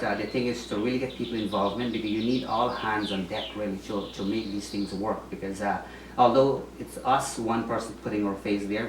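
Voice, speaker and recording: A man from Guyana answering interview questions, speaking hesitantly with many ums and restarts. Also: on the low side. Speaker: interviewee, former mayoral candidate. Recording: roomy echo, distant mic, faint noise.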